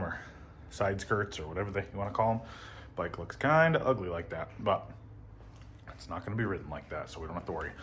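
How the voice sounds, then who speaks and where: A man casually talking through motorcycle work in his garage, relaxed and rambling with many ums. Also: lowish voice, a little hiss or hum. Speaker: motorcycle vlogger. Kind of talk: casual how-to narration.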